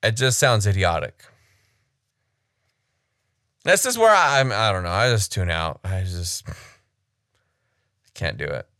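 A man's voice: lowish voice, very animated, unhurried, long pauses, pushed and bright, no echo, studio quality. A man casually commenting on a sermon clip, blunt, frank and critical.

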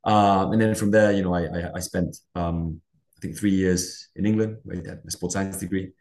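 This guest from Sarawak in Malaysian Borneo has a deep, darkish voice with a steady tone and moderate pace. He gives rambling, conversational interview answers, leaning on "you know" and "sort of," in a roomy, echoing recording.

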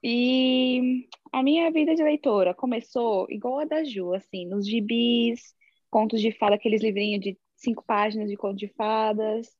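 A woman in her twenties from São Paulo co-hosting a casual podcast chat, talking in a playful, teasing way with quick laughs. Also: on the high side, no echo, muffled recording. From São Paulo, Brazil. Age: 20s. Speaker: podcast co-host.

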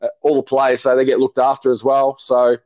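A man's voice: medium pitch, monotone, fairly quick, a little mellow, dull audio. A man from Melbourne with an Australian accent, hosting a casual chat about tennis and calling the match in a rambling, restart-filled way. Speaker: host and tennis fan commentator.

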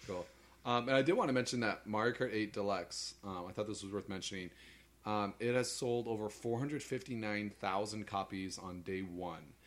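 A man's voice: lowish voice, normal speed, a bit bright. A man co-hosting a casual gaming chat, telling stories with lots of fillers and laughs. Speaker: podcast co-host.

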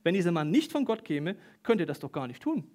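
A man's voice: sits high, very animated, brisk, darkish tone. A bold, earnest young man, once blind, arguing his case with a raised, insistent voice, as a preacher reads him. The tone is sincere and a little pleading, told as a church story.

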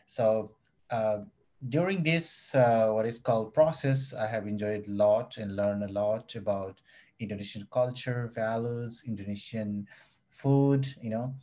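A man from Nepal in his thirties, a doctoral student guesting on a podcast over a video call, talking haltingly with many fillers while he searches for words. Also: fairly low pitch, steady tone, mellow. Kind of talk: casual podcast interview.

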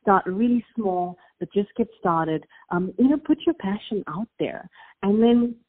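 An unhurried, husky, mid-range voice belongs to a South African woman who founded a business. Answering interview questions over a tinny phone line, she's earnest and reflective, with fillers and restarts, in a South African accent.

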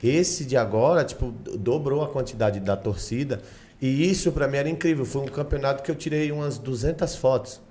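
A man's voice: mid-range voice, a little fast, warm tone. A man chatting enthusiastically on a podcast. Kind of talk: casual chat.

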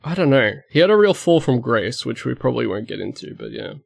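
A man co-hosting a podcast in loose, rambling banter, laughing often and swearing easily. His voice is gravelly with a lively, swinging pitch. The sound is dry and close. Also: fast talker, no echo. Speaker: podcast co-host.

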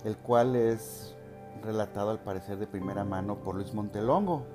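A middle-aged Mexican man with a Mexican Spanish accent, hosting a podcast and telling a story in a measured, formal way with occasional hesitations. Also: fairly low pitch. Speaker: podcast host. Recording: loud music under the voice.

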